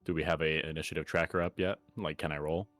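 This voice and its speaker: A man's voice: rumbling low, fairly even intonation, quick pace, a bit bright, dry recording, faint music behind. A man playing a tabletop game, describing his actions with a wry, joking manner. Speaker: player. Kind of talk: casual tabletop play.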